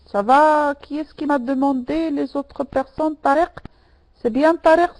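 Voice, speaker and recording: Slow, patient woman teaching French. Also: high-pitched, steady tone, darkish tone, rough recording. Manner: patient, repeats words and corrects students by name. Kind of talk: online language lesson.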